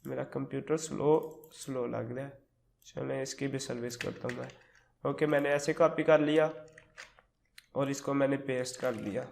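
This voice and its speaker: A man with a sore throat giving a relaxed, step-by-step screen tutorial, mixing English words into his explanations. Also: medium pitch, normal speed, vocal fry, slight background noise. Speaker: tutorial host. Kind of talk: screen-recorded tutorial walkthrough.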